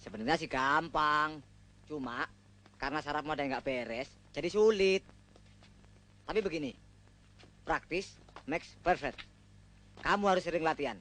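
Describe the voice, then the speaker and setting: In a 1980s film comedy, an actor plays a cocky young man coaching his friend, a groom, bossing and teasing him while barking out exercise counts and lecturing. His natural voice is fairly high and fairly bright, at a moderate pace with frequent pauses.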